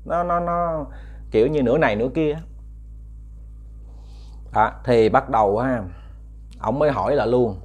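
A man's voice: mid-range voice, normal speed, long pauses, darkish tone. Man, casual ghost story narration, chatty, repeats himself. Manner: chatty, addresses listeners, many fillers and repeats.

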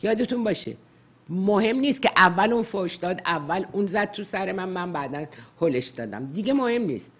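Husky woman psychologist on radio. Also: medium pitch, lively intonation, dull audio. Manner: earnest, lecturing, sprinkles English words. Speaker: psychologist answering callers. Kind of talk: radio call-in advice talk.

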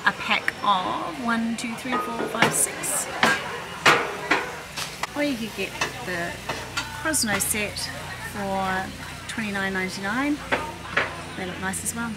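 This is a slow, frequently pausing middle-aged woman doing a chatty shop-along vlog, thinking aloud as she browses, with loud music under her voice. She is in a large indoor warehouse store, recorded by a camera operator holding a handheld camera. Background hum, rumble and loud store noise run throughout.

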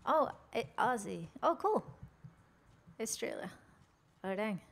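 A young woman from Norway speaks slowly and creakily, her voice on the high side and very animated. With a Norwegian accent, the game streamer chats and jokes with her audience while narrating her character.

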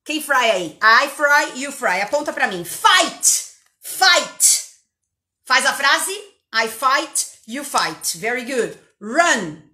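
A woman English teacher with an interior São Paulo accent, giving an energetic live online lesson and drilling words over and over. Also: high voice, slow, roomy sound. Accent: interior São Paulo Portuguese.

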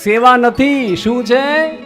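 A young man with a Gujarati accent delivers a sermon in a high, ringing voice. He keeps putting rhetorical questions to his listeners and answering them himself. A faint bed of music sits underneath. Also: slow pace, a bit bright. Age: young adult.

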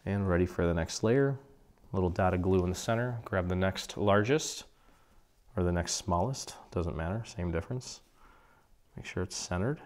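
Hoarse from a cold, a craft tutorial host walks through a paper craft project at an indoor table, relaxed and chatty, clearing his throat now and then. His voice sits low and moves at a moderate pace through the casual step-by-step instructions.

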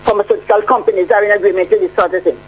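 Female caller, muffled underwater-sounding phone line, faint hum; halting, repeats words, pushes questions. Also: mid-range voice, steady tone. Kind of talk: call-in radio question.

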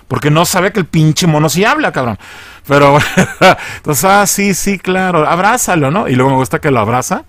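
Brief: male reviewer, slangy casual recap, very lively pitch, dry close mic. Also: no room sound. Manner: slangy, animated, acts out quoted lines in shifting voices. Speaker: video reviewer.

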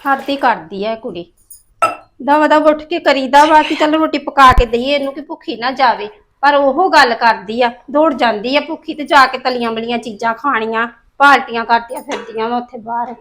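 A woman's voice: sits high, normal speed, a bit bright, a little hiss or hum. A woman with a Punjabi accent playing a complaining housewife in a family drama.

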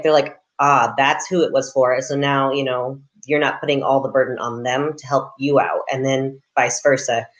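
A woman's voice: rumbling low, poor audio. A woman in her thirties, a business panelist, speaking upbeat and emphatic over a video call from an office, acting out little quoted exchanges. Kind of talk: panel discussion answers. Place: indoors in an office. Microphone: webcam on a video call.

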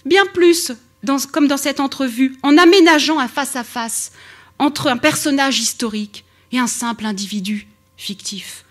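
A woman with a French accent giving a public lecture on literature, expressive and emphatic. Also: high-pitched, a little slow.

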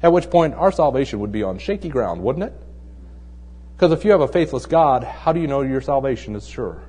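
A man preaching a conversational sermon who asks rhetorical questions and drops into a hushed voice to make his points. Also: mid-range voice, a little fast, breathy edge, long reverb tail. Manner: tells jokes in a relaxed storytelling way. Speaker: pastor.

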